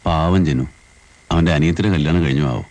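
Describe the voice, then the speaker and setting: A brooding paroled man who speaks little, in a low, subdued voice. His words come soft and heavy in film dialogue. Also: a little fast, dry recording. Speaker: convict out on parole.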